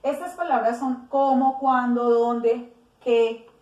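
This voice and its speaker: A woman with a fairly high voice teaches a grammar lesson and walks through the rules one step at a time. She stops to correct herself and acts out short example phrases. She is recorded from a distance in a room with a roomy echo. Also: fairly even intonation, takes it slowly, darkish tone.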